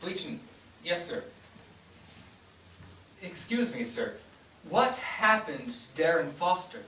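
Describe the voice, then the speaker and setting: In a staged reading on a theatre stage, a performer plays a polite but defiant twelve-year-old immigrant boy, giving respectful, clipped answers that turn stubborn when pressed. The voice is medium-pitched, slow, sharp and very animated, with heavily acted delivery. Picked up by a distant microphone, the sound is echoey and noisy.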